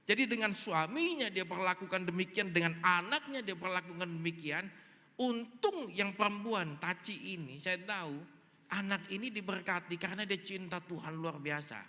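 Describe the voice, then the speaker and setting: A man's voice: sits high, normal speed, bright, forceful tone. A male pastor preaching a sermon, telling a story animatedly and acting out the dialogue. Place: large church hall. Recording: long reverb in a large hall.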